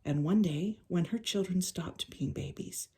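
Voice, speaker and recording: Reading a children's story in an unhurried, expressive manner, this older woman has a fairly low voice that comes across husky and breathy.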